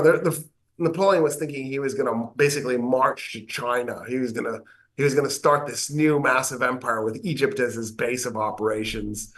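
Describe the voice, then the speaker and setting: American male professor, lively lecturer, dry humor, mid-pitch voice. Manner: animated lecturing with wry asides. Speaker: professor of government. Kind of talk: interview explaining history.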